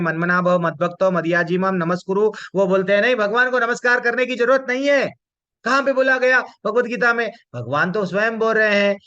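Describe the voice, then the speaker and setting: A man's voice: on the high side, fairly bright tone. A man teaching a devotional scripture class, posing rhetorical questions and reciting Sanskrit verses. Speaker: Bhagavad Gita teacher. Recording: dull lo-fi recording.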